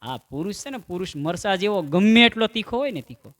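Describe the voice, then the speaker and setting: A man tells folk comedy tales and slips into the voices of his characters. His voice sits high and carries a bright, forceful edge. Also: brisk. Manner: animated joke-telling, acts out quoted voices. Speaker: stand-up comedian. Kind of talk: Gujarati folk comedy storytelling.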